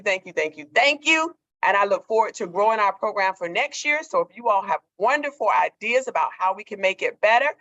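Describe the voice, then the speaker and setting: A woman's voice: medium pitch, highs cut off. A woman school staff member speaking over a video call on the school intercom, giving effusive thanks. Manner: warm, effusive thanks, repeating herself. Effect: heard over a video call on the intercom. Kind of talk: school morning announcement.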